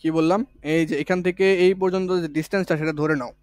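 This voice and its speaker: Male physics tutor, high-pitched, dry close sound, drills key points by repetition. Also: level tone, fast talker, a little mellow, clean tone, no echo. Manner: explains step by step, repeating key points; colloquial, with village words. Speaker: physics teacher. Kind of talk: online exam-prep lesson.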